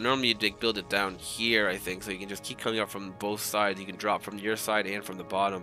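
A man's voice: on the low side, bright, forceful tone. A man casting a live strategy game match, talking loosely in rambling play-by-play with swearing and restarts, his voice still groggy from just waking up. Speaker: esports caster.

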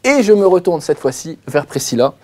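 A man moderating an online webinar, asking questions in a lively, joking way with fillers. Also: on the high side, brisk.

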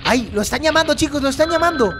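Excitable high-voiced man gaming host. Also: quick pace, music in the background. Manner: excitable, constant exclamations to viewers. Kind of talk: game playthrough commentary.

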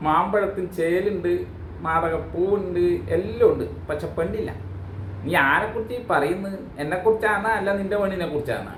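A man's voice: high-pitched, moderate pace, fairly bright tone, reverberant, a little hiss or hum, rough recording. A man hosting a reaction video, joking and teasing in mock outrage. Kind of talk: casual comic commentary.

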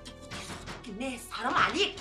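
A woman's voice: high-pitched, lively intonation, quick pace, pushed and bright, faint music behind, full character voice. An actress with an Egyptian Arabic accent playing a defiant young woman who argues fiercely with her family. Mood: angry. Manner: fiery, confrontational.

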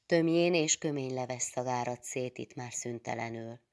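A woman reads a literary novel aloud with a measured, expressive delivery. Her voice is strikingly low, with a gravelly, creaky texture. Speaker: reader.

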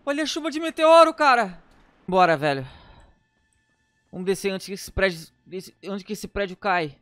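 A man's voice: sits high, animated, moderate pace, fairly bright tone, no room sound, faint music behind. A man giving panicky, exclamatory gameplay commentary, often repeating words. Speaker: gameplay streamer.

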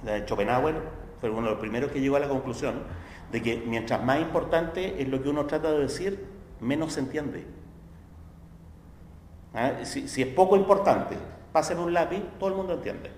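A man with a Chilean accent giving a university philosophy lecture in a conversational way, checking understanding with tag questions and acting out quoted voices. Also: normal speed. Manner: acts out quoted voices with sharp pitch jumps. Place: lecture hall. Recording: echoey hall, faint background noise.

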